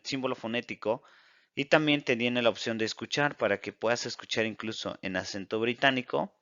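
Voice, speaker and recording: A man teaching an English lesson in Spanish, explaining clearly and slowing down to model English example phrases. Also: medium pitch, fairly bright tone, no room sound, muffled recording.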